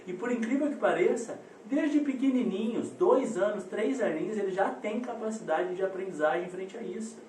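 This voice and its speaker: A man's voice: high-pitched, moderate pace, few pauses. A man, giving a live online parenting talk as a coach and telling stories animatedly straight to his audience. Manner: animated storyteller addressing the audience directly. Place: indoor room on a live video call. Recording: roomy echo, distant mic, faint noise.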